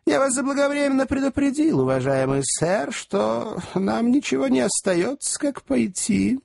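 A fussy, anxious little lawyer, as a male reader puts him on, imploring with a lively, high, slightly husky audiobook voice. He keeps piling up polite appeals in a dry, close sound. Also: moderate pace, no room sound, heavily acted. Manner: imploring, repeats polite address. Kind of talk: audiobook character voice.

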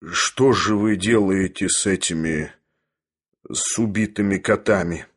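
A man voicing a stern, weary elderly male professor who speaks in a measured, heavy, cutting way, with a husky voice. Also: mid-range voice, animated. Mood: hollow. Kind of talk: audiobook character voice.

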